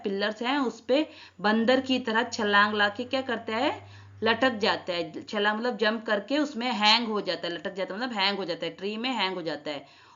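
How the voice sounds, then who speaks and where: A woman's voice: mid-range voice, fairly bright tone. A woman teacher explaining a school reading lesson to children. She rereads each sentence and then explains its words in English. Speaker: Hindi teacher. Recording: dull lo-fi sound.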